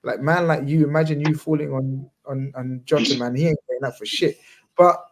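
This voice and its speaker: A man's voice: mid-range voice, steady tone, fairly quick. A man hosting a casual chat, talking in a rambling way with slang and many restarts. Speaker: podcast host.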